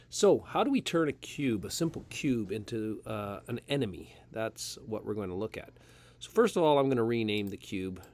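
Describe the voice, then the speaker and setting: A man with a slight head cold talks through a programming tutorial at his computer in a casual screen recording. His voice is fairly low and creaky, and he explains the steps in a relaxed way, using plenty of fillers.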